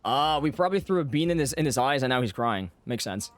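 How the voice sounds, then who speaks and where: Over game music, a man with a medium-pitched, expressive voice talks fast as he streams live gameplay. His commentary is casual and playful, and he tends to say the same phrases again.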